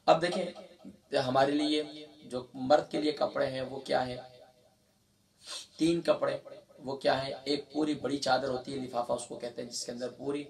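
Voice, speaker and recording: A man teaching a religious lesson, reciting slowly syllable by syllable and explaining quickly in between. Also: mid-range voice, fairly even intonation, gravelly, far from the mic. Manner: slow drawn-out recitation spelling out syllables.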